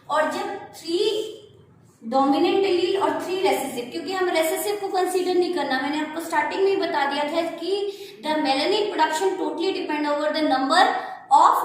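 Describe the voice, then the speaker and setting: High-voiced woman teacher in an echoey classroom. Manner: asks questions and answers them herself, calls students "beta". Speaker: biology teacher. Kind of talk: classroom lecture. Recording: echoey room, distant mic, faint noise.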